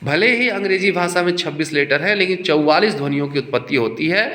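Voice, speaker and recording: High, bright-voiced male teacher. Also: animated, reverberant. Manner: explains slowly, repeats points, quizzes students. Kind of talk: classroom teaching in Hindi and English. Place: classroom.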